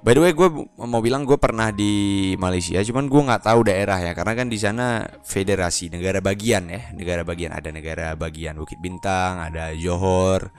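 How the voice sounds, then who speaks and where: Low-voiced young man, jokey reaction chat. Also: brisk. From Aceh, Indonesia. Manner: playful, joking, slangy, chuckles often. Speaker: YouTuber reacting to videos. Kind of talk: casual reaction commentary.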